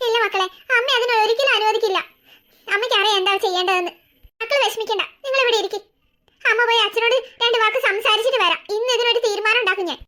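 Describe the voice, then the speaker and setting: A woman voicing a fiery middle-aged wife and mother in a cartoon, sharp and confrontational. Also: extremely high pitch, quick pace. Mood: reassuring. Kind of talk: cartoon dubbing.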